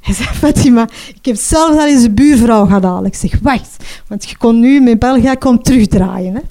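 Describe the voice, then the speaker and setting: Earnest Flemish woman, mellow voice. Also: on the high side. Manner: earnest, halting, tag-questions with "hè". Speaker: mother telling her story. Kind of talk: personal testimony.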